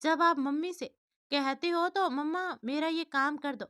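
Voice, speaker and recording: A woman voicing a patient young wife who speaks softly and lovingly in a storybook tale. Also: sits high, measured pace, dry recording, clean studio sound, pitched above the performer's own voice. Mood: coaxing. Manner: soft, loving, coaxing.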